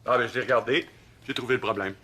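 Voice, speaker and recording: A man's voice: medium pitch, steady tone, fast talker, background noise, natural voice. An actor playing a busy, slightly flustered appliance repairman. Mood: harried. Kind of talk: TV drama acting.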